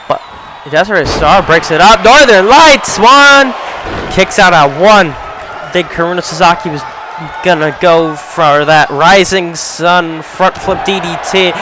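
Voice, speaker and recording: A man calling a video game wrestling match play-by-play, often shouting, his voice going hoarse. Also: high voice. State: losing his voice. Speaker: play-by-play commentator. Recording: crowd noise and game sound behind.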